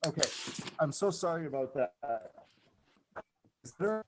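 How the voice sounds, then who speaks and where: A man's voice: a little high, expressive, measured pace. A middle-aged man speaking on a video call that keeps dropping out, politely apologizing and checking whether he can be heard. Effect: call dropping out over a bad connection. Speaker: resident giving public comment. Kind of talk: public comment at an online hearing.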